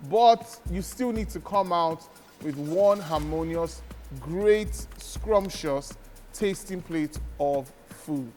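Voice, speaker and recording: A man's voice: fairly high pitch, slow, darkish tone. A man hosting a cooking competition, energetically announcing instructions to the contestants in a studio kitchen. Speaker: host. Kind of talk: hosting a reality cooking show. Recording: reverberant set with music.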